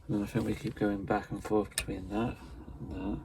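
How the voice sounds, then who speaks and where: The recording is very noisy as a man testing radio gear rambles through a casual, unscripted vlog, tentative and self-deprecating. His voice is fairly low with flat delivery and a brisk pace.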